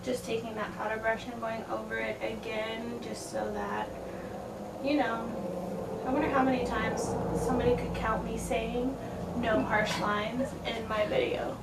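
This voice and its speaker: A woman's voice: on the high side, little pitch movement, a little slow. A tipsy, playful woman giving a casual makeup tutorial, chatting loosely as she works. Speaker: makeup video host. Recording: distant, echoey, noisy room.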